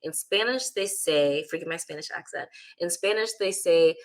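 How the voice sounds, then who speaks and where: A woman speaking as a guest in a casual interview, candid and animated, often using "like" as a filler. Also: fairly low pitch, normal speed.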